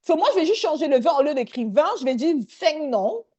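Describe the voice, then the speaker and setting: Woman running a live workshop, high voice, dynamic, a bit lo-fi. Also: fairly quick. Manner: energetic, mixes English words into French. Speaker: online workshop host. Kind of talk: live online workshop teaching.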